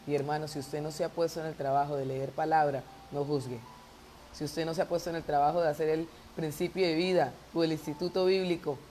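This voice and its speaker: Woman pastor preaching, lowish voice. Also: a little hiss or hum. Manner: emphatic preaching, drops to soft asides. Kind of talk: sermon. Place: church.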